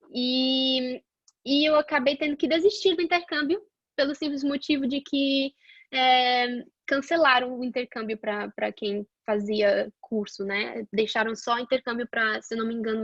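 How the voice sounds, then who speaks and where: A young adult woman from Portugal, a guest scientist, describes her career path in a casual, chatty way full of fillers and restarts. Her voice is a little high, and the lo-fi recording has no room sound.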